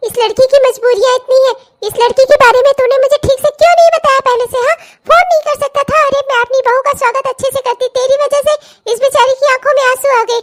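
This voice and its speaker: Brief: very high, shrill elderly mother-in-law, doting one moment and scolding the next, cartoon comedy. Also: little pitch movement, noisy background. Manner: scolding, shrill, fast when angry. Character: loving but fiery old mother-in-law. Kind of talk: cartoon voice acting.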